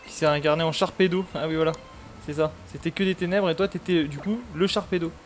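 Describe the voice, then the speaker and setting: A man's voice: on the high side, fairly even intonation, fast, faint music behind. A man chatting casually on a gaming stream, rambling with lots of fillers.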